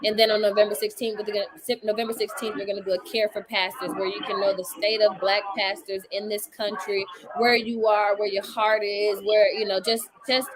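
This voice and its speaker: A woman's voice: medium pitch, level tone, fairly quick, hardly any pauses, crowd noise, poor audio. A woman hosting an online gathering, talking casually and emphatically with joking asides. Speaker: host. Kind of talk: casual talk to a live online audience.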